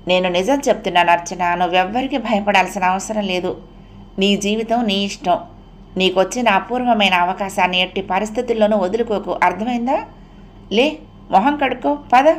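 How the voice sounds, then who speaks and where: Woman narrator doing a tender but firm young friend in an audio novel; soft, coaxing, pushing. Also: mid-range voice, normal speed, slight background noise, natural voice. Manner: soothing, then coaxing and insistent.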